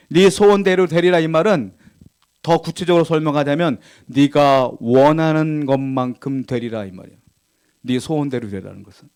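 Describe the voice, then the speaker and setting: A man preaching as a pastor, asking the congregation questions, reading scripture aloud, and swinging between loud emphatic lines and quiet asides. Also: a little high. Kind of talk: sermon. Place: church.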